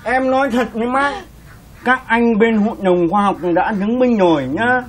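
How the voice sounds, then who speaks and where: An actor playing an eager, agreeable middle-aged village man in a comedy film, quick to agree. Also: very high-pitched. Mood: fawning.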